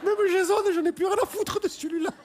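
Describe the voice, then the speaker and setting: A man's voice: very high voice, fairly even intonation, quick pace, very noisy, voice pushed up. Man doing a shrieking frazzled cashier mom. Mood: giddy. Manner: screeching, exasperated rant. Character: frazzled middle-aged divorced cashier mother, shrieking.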